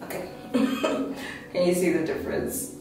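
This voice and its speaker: A woman's voice: on the low side, slow, noisy background. A young woman chatting casually to camera as a lifestyle vlogger, playful and laughing often, filmed in a small home kitchen. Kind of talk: casual vlog chat to camera. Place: small home kitchen and living room, indoors. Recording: roomy, distant audio with music behind.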